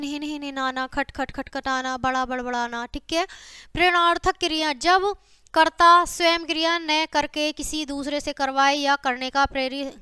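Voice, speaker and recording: High, bright-voiced woman teaching grammar. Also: dry recording, studio quality. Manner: says "ठीक है" often, addresses students as "बच्चा"; reads out example words and sentences one by one. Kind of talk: classroom grammar lesson.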